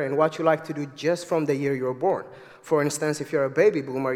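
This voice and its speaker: Young Ethiopian-accented preacher in a reverberant church. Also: male voice, fairly high pitch. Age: 20s. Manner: earnest, eager. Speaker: guest preacher. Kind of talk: sermon. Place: church sanctuary.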